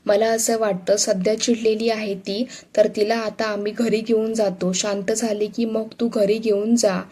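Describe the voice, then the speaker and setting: A woman's voice: mid-range voice, flat delivery, unhurried, dark tone, natural voice. A woman voicing a reassuring middle-aged father, read plainly in a storybook manner.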